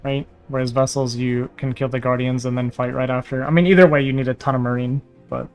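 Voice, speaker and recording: Man, streamer, smooth clear voice, tiring and slightly hoarse, faint music behind. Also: mid-range voice. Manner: relaxed, explanatory, drawn-out pauses. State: voice going hoarse. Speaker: streamer coaching viewers. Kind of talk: casual livestream coaching chat.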